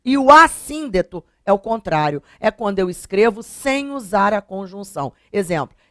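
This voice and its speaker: A woman with a Brazilian Portuguese accent teaching a recorded grammar lesson, talking straight to her viewers and reading examples out slowly. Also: mid-range voice, no room sound, studio quality. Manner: lively, addresses viewers directly, reads examples slowly.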